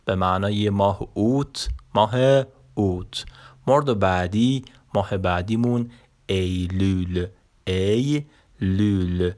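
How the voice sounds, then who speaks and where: Low-voiced man teaching vocabulary slowly. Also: a little mellow. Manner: slow, repeating each word for learners. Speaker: language teacher. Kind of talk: Turkish vocabulary lesson.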